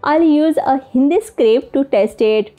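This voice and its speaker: A woman narrating a software tutorial, enthusiastic and easily amazed. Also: sits high, lively intonation, a little slow, soft background music. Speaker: tutorial host. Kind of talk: screen-recording tutorial narration.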